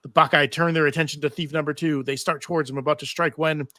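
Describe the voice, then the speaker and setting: The narrator and host of a live convention panel table read, a man with a somewhat high voice, reads the TV script's stage directions at a quick clip with a steady tone. His sound is pushed and bright with no room sound, and he plays it theatrically, tossing in wry asides.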